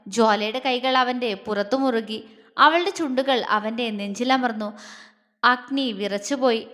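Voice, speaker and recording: A woman's voice: on the high side, a bit bright. A woman narrating a dramatic audio romance story in an emotional, scripted reading. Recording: long hall reverb.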